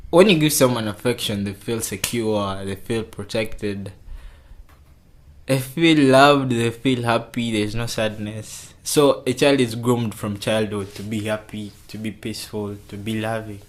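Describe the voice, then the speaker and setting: A young Kenyan interviewee gives casual, halting answers, often repeating his opening words. His voice is on the low side.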